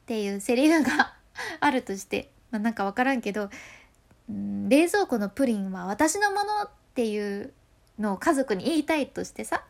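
A woman's voice: sits high, vocal fry. A woman with a Hakata accent explains voice control in a casual, playful way, laughing often. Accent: Hakata dialect.

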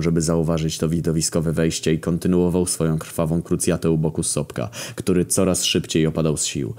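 A man narrating a crude, darkly comic story in a wry, deadpan way. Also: deep voice. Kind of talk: casual profane story narration.

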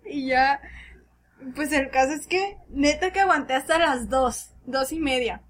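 A woman's voice: high-pitched, measured pace, a little hiss or hum. A Mexican woman co-hosting a podcast, telling a story in casual slang and laughing often. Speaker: podcast co-host.

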